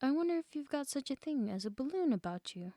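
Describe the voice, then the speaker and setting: Woman voicing an earnest, silly storybook bear, lifted pitch. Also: big pitch swings, fast, mellow, dry recording, clean studio sound. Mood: earnest, musing. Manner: earnest, thoughtful musing. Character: fond, earnest, silly bear, musing and anxious. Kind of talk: storybook character voice.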